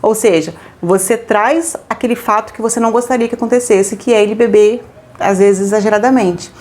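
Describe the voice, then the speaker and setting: A woman co-hosting a family advice talk, lively, acting out examples of what parents say. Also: medium pitch, a little fast. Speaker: co-host giving family advice. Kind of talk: casual talk to viewers.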